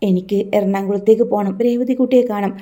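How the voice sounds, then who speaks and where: A woman's voice: mid-range voice, fairly even intonation, fast, warm tone, close to an everyday voice. A woman voicing an earnest protective sister. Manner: earnest, reassuring. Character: devoted young woman, protective elder sister.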